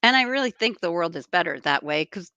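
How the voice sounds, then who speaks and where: A woman author chatting casually as a guest, animated and candid, laughing now and then. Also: fairly low pitch, fairly quick, dry recording, muffled recording. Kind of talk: casual interview chat.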